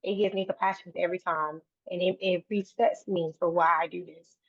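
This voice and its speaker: Over a dry, tinny line that sounds like a phone, a woman talks earnestly as a casual interview guest. Her voice is fairly low, steady, and brisk, and she often restarts and repeats phrases.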